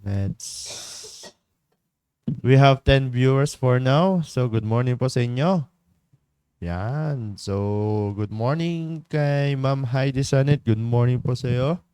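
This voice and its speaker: A man leads a morning devotion from a studio, greeting viewers and talking in an easygoing, unhurried way. His voice is smooth and clear, recorded close and dry, and he chuckles and hesitates often. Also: medium pitch, dark tone, dry recording. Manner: chatty, laughs often, many fillers. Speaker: devotion leader and livestream host. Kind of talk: casual livestream greetings and devotional talk.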